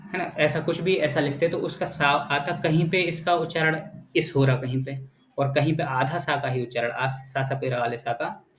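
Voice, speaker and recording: A man's voice: on the high side, steady tone, moderate pace, fairly bright tone, a little hiss or hum. A man teaching a lesson, explaining patiently and often checking in with the listener. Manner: patient, repetitive, checks in with "right?". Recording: echoey room.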